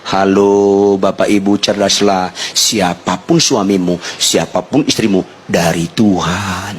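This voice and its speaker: A man's voice: slow pace, background noise. A male pastor preaching a sermon, telling stories with humor and acting out the dialogue in his stories. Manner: animated storytelling, acts out dialogue with big pitch swings, humorous.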